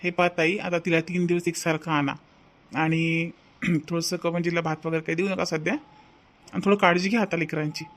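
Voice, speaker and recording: A man's voice: a little high, flat delivery, fairly quick, a bit bright. A man voicing an uncle and doctor in a cartoon who soothes a crying child and gives instructions. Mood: explaining. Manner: soothing, coaxing, then instructive. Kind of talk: cartoon voice acting.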